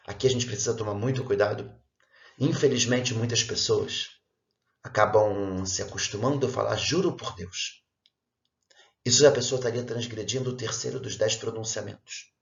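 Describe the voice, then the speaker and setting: A man's voice: mid-range voice, highs cut off. Earnest man teaching in a roomy space. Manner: measured, earnest, explains point by point. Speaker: religious teacher. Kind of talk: explanatory religious lesson.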